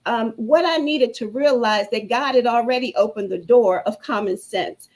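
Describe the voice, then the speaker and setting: A woman's voice: fairly high pitch, moderate pace, darkish tone, low-quality recording. A woman guest on a talk show telling her own story in an earnest, preacherly way. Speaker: guest speaker. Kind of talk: personal testimony on a talk show.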